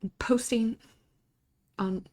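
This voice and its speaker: A woman's voice: on the high side, steady tone, slow pace, a little mellow, slight background noise. A young adult woman streamer casually chatting with her viewers, laid-back and often breaking into giggles. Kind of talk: casual live-stream chat.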